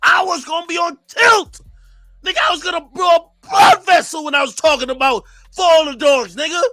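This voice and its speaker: Loud, excitable man hosting a stream, high lively voice, bright and forceful, close dry mic. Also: brisk, no echo, faint music behind. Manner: loud, excitable, laughing, shouts often. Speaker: livestream host. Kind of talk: animated live stream commentary.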